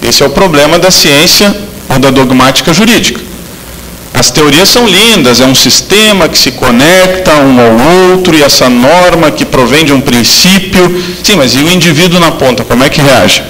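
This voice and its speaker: A man's voice: a little high, lively intonation, moderate pace, sharp tone, in a large hall, low-quality recording. A man from southern Brazil giving an academic law lecture, speaking with frequent fillers and restarts. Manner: hesitant, many fillers and restarts.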